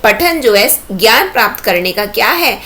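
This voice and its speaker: A woman's voice: medium pitch, big pitch swings, moderate pace, pushed and bright. A woman teaching an exam-prep lecture, explaining step by step and asking herself rhetorical questions.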